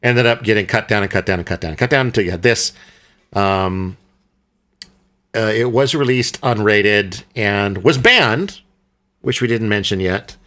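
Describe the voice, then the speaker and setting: A young man with a lowish, sharp-toned voice co-hosts a podcast and discusses a film casually. His speech is rambling and halting, with frequent searches for words, fillers, and restarts.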